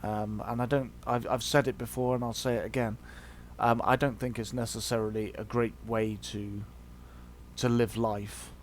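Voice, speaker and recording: A man's voice: mid-range voice, level tone, moderate pace, slight background noise. A man hosting a video, giving a casual opinion monologue in a hesitant, reflective way. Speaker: video host.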